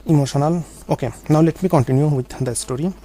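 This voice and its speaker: Earnest man with a mellow voice. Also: on the high side, rough recording. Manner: earnest, halting, with grammar slips. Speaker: vlogger telling his own story. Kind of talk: personal storytelling monologue.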